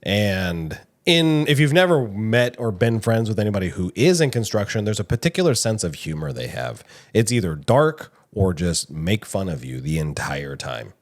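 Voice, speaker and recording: A middle-aged man co-hosting a casual podcast, talking in an animated way and often restarting his sentences. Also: on the low side, moderate pace, few pauses. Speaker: podcast co-host. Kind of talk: casual chat.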